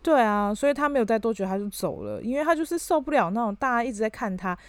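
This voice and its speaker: A woman, co-hosting a podcast and retelling a story in a casual, animated way with plenty of fillers. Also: a little high, quick pace, no room sound. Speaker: podcast co-host.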